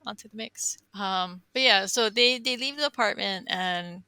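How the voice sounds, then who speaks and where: A woman's voice: mid-range voice, moderate pace, sharp tone, clear, resonant tone, no echo. A woman hosting a podcast in casual chat, recapping scenes and laughing often. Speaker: podcast host.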